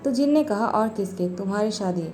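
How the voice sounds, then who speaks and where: Woman narrating a fan story, mellow voice. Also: mid-range voice, animated, fairly quick, slight background noise. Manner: narrates and voices every character herself with little change.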